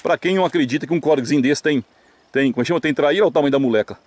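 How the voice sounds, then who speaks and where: A man with a Brazilian caipira country accent giving casual, excited, jokey fishing commentary outdoors from behind a handheld camera. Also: on the high side, very fast, no room sound. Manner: animated, jokey, exclamatory. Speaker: vlog host and cameraman. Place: open hillside pasture by ponds, outdoors.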